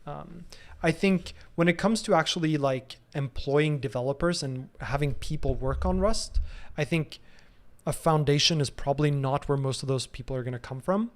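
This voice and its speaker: A man's voice: a little high, moderate pace. A man in his thirties answering viewer questions casually in a live stream, thinking aloud with frequent ums and restarts. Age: 30s.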